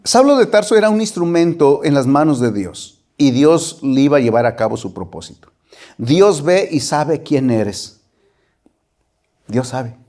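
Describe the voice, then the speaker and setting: A man preaching a sermon, emphatic and animated, dropping at times to a whisper. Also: fairly high pitch, unhurried. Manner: emphatic, rising and falling delivery with whispered asides. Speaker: pastor.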